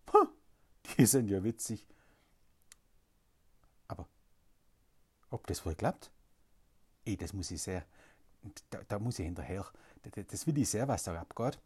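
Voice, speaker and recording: A storyteller tells a Bible story as an eyewitness, stammering with excitement and asking question after question. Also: low voice, a little slow, pauses often, slightly rough. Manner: excited, stammering, asks many wondering questions.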